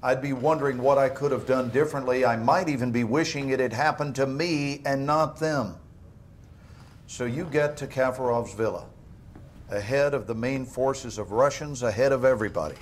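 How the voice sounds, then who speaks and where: An actor playing a calm, measured interrogator in a video game cutscene. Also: male voice, medium pitch, slight background noise, natural voice. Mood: probing. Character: calm, probing male interrogator.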